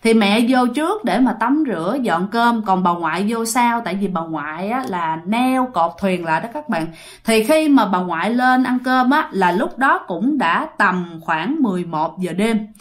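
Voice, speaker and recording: A woman with a Southern Vietnamese accent telling a ghost story in an animated way, speaking straight to her listeners. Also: mid-range voice, normal speed.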